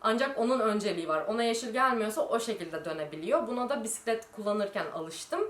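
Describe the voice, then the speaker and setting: A woman's voice: a little high, lively intonation, fast, echoey room. Chatty young Turkish woman vlogger. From Turkey. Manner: chatty, storytelling, reads out viewer questions. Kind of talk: casual Q&A vlog.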